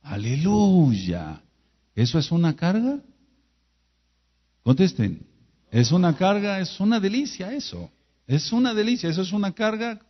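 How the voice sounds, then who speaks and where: A man's voice: high voice, very animated, a little slow, long pauses. Emphatic man preaching a sermon. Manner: emphatic, rhetorical questions and repetition. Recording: dull lo-fi video audio.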